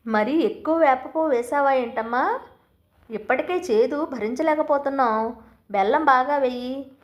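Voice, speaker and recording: A woman's voice: high-pitched, normal speed, dull audio, close to an everyday voice. A woman voicing a stern middle-aged husband who lectures his wife firmly, as in a storybook reading. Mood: teasing. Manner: firm, instructive. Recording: roomy echo.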